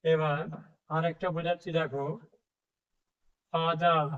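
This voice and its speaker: Slow, deliberate man teaching a lesson. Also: on the high side, level tone, a bit bright, clear, resonant tone, muffled recording. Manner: slow, deliberate, drawn-out example words. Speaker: English tutor. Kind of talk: slow classroom explanation.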